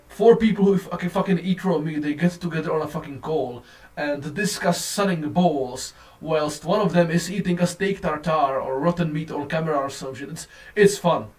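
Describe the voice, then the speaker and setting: Man ranting on a low-quality phone recording. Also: recorded from a distance. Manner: profane, rambling, animated. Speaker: vlogger. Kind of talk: casual rant to camera.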